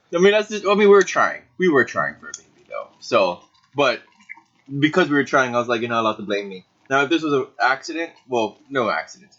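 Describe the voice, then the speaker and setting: A man's voice: on the high side, fairly bright tone. Joking young man on a dull mic. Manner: joking, laughs often, talks with his mouth full. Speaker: podcast co-host. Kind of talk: casual chat.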